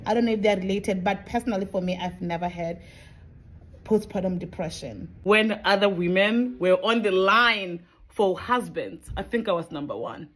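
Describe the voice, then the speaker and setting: A woman chatting casually in a home vlog, warm and emphatic, repeating phrases for effect. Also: medium pitch, normal speed. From Botswana. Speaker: vlogger.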